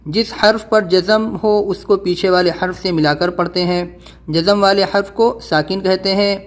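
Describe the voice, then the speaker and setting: A man teaches Quran reading in a recorded lesson. His voice sits high. He talks fast when he explains and slows right down to sound out each syllable. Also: fairly even intonation. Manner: quick explanations, slow drawn-out syllable-by-syllable spelling.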